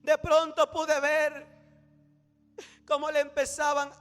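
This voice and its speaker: High-voiced dramatic male preacher. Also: completely flat delivery, slow. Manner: dramatic and emotional, breaking into shouts. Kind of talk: sermon testimony of a vision. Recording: reverberant hall with music behind.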